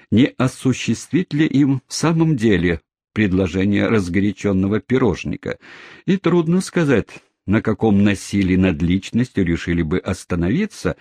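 A man narrating a novel as an audiobook, telling the story in an expressive, lively way. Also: low-pitched, dry recording, studio quality.

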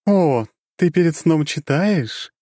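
A teasing, powerful dark goddess with a raised, mellow voice that swings widely in pitch, as a male narrator puts her on. She speaks up boldly, dry and close. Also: lively intonation, takes it slowly, no room sound. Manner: teasing and giggly, turning grave. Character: playful, sly, powerful dark goddess woman. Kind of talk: audiobook character voice.

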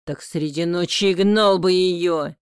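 An audiobook reader voicing a stern rural father, an older man quick to anger, loud and blunt when he scolds his son. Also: medium pitch, steady tone, no echo, clean studio sound. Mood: angry. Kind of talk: audiobook character voice.

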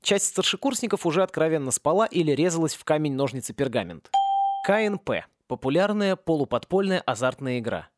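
A man's voice: a little high, sing-song, brisk, dry recording, studio quality. Man reading a comic fantasy audiobook. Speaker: audiobook reader. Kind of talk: narrating a satirical fantasy audiobook.

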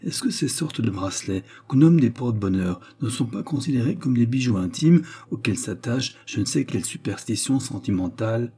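A man's voice: medium pitch, expressive, normal speed, hardly any pauses, mellow, husky. A man reading aloud, voicing a moody, sarcastic young man who questions insistently. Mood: explaining. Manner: insistent, half-ironic questioning.

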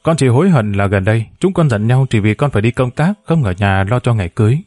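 A man's voice: mid-range voice, animated, fast, a little mellow, no room sound, natural voice. A man voicing a sorrowful young man who speaks in a sad, choked voice in an audiobook.

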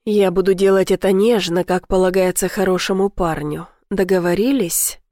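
A woman reading the lines of a passionate, possessive young man, murmuring low and husky. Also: fairly even intonation, normal speed, darkish tone, dry recording, studio quality, natural voice. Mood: coaxing.

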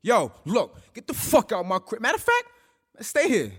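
A young man playing a jealous, violent boyfriend who yells profane threats and then drops into lowered hisses. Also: wildly swooping pitch, moderate pace, breathy edge, long reverb tail, heavily acted. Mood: threatening. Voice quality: profane, menacing street talk. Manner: yelling, threatening, swinging between shouts and lowered hisses.

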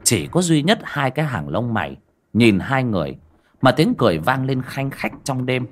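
A man narrates a ghost story in a lively, colloquial way. His voice sits at a middle pitch but swings widely up and down as he tells it. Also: normal speed, slight background noise.

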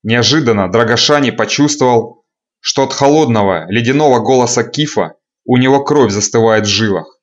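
A man narrating an audiobook in a measured, dramatic reading style. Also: mid-range voice, dull audio.

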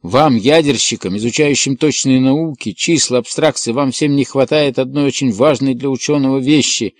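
A man voicing an excitable old male professor who speaks with impassioned fervor and breaks into cries. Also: mid-range voice, normal speed, no echo, pitched above the performer's own voice, natural voice. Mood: lecturing.

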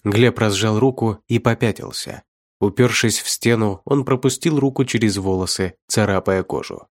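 A man reading a dark fantasy story aloud as narrator, steady and measured. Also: fairly low pitch, no room sound, clean studio sound. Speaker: audiobook narrator. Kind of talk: scripted narration.

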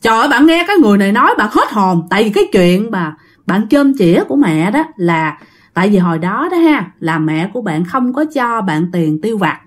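A woman's voice: mid-range voice, big pitch swings, fairly quick. A woman tells a ghost story in a chatty style, addressing her listeners directly. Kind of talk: casual ghost story narration.

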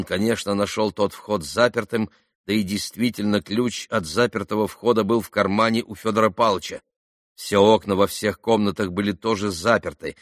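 A man reading a classic novel aloud as expressive scripted narration. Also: fairly low pitch, no echo, studio quality. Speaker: audiobook reader.

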